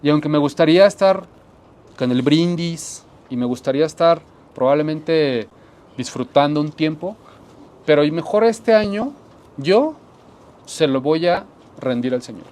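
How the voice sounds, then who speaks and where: A man, a pastor giving an earnest sermon testimony, often repeating phrases and dropping to soft tones for emphasis. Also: a little high, measured pace.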